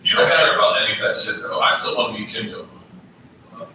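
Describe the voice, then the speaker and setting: A man's voice: fairly low pitch, a little fast, very echoey, recorded from a distance, background noise. A man co-hosting a casual podcast chat who stammers and throws out provocative questions.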